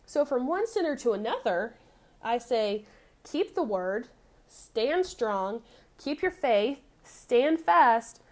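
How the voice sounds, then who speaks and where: A woman's voice: on the high side, darkish tone. Earnest woman preaching and praying. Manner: earnest, repeats words, addresses God directly. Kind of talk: devotional sermon and prayer.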